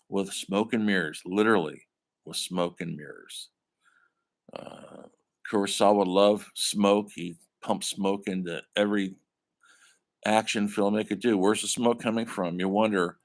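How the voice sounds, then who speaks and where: Older male film lecturer, low voice. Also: measured pace. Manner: conversational, addresses listeners as folks. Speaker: college film instructor. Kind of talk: classroom lecture.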